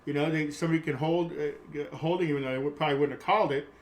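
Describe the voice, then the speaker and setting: Young man, sports co-host, emphatic, stumbling, slightly high voice. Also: fairly even intonation, very fast. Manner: emphatic, stumbling over words. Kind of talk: casual sports chat.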